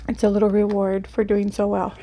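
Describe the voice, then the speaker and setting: Woman chatting casually, gravelly mellow voice. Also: mid-range voice, completely flat delivery, a little fast. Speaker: mukbang video host. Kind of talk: casual eat-with-me chat. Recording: faint background noise.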